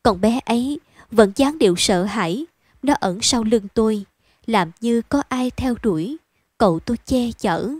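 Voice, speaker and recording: A woman reading a bedtime story aloud in a calm, even storytelling manner. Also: a little high, measured pace, dry recording.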